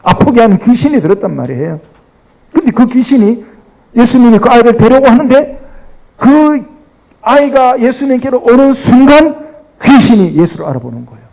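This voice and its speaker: A man's voice: very high-pitched, very animated, moderate pace, gravelly, darkish tone, low-quality recording. A middle-aged man, a pastor with a Gyeongsang accent, preaching a sermon and dramatically acting out the people in the story. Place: church sanctuary.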